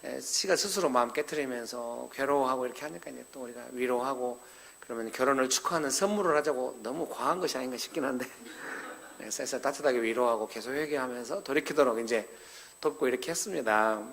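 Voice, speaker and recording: A man's voice: medium pitch, a little fast, gravelly, a bit bright. A male pastor giving a sermon at a parents' seminar, telling a story conversationally and acting out the dialogue, and speaking directly to the elderly members of the congregation.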